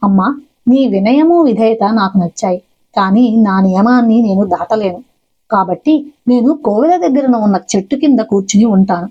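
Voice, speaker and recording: A woman's voice: on the high side, moderate pace, slightly rough, muffled recording. A woman voicing a demanding wandering male ascetic who is a god in disguise, in a spoken devotional story. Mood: stern. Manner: demanding, testing.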